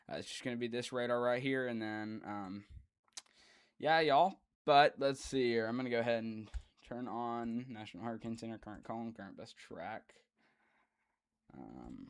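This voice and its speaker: A man's voice: mid-range voice, fairly bright tone, no echo, studio quality. A man chatting casually as the host of a weather livestream. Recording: music playing behind the voice. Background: background music.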